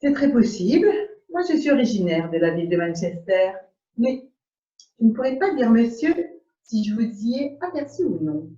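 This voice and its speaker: A woman's voice: fairly high pitch, sing-song, warm tone. A woman playing a prim, astonished English lady. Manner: measured, repetitive exclamations of polite surprise. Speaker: amateur actor. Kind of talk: absurdist stage dialogue. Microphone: video call. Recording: dull echoey room audio.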